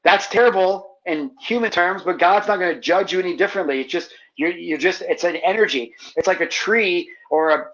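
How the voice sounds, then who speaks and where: A man's voice: sits high, a little fast, hardly any pauses, fairly bright tone, highs cut off. A man as a podcast guest, telling a personal story in a passionate, heartfelt way with casual, slangy speech. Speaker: podcast guest, manifestation teacher. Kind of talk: emotional personal storytelling in conversation.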